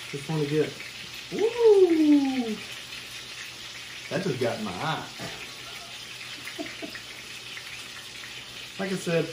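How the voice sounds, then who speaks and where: A young man hosting a casual cooking video in his home kitchen, chatting to the viewer as he chops and stirs. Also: fairly high pitch. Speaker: cooking show host. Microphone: camera mic at a distance. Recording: noisy kitchen with sizzling pan. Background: frying and sizzling food.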